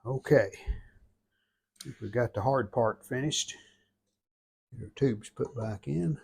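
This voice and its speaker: A vlogger restoring an antique radio narrates his hands-on workshop work casually, in short, plain-spoken remarks as he goes. His voice is mid-range, husky and full of vocal fry, and he takes it slowly.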